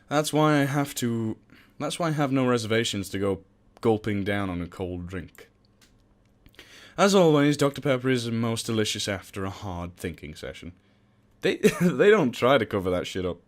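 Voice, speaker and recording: Reading a visual novel aloud for a let's play, this young man sounds casual, his mid-range voice fairly bright in tone. He stumbles over words and responds with jokes, swearing and self-mockery.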